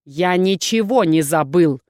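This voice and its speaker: A woman's voice: lowish voice, expressive, unhurried, a little mellow, no room sound, clean studio sound. A woman reading a stern, suspicious male dean who interrogates sharply and snaps commands, as an audiobook character voice. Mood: interrogating.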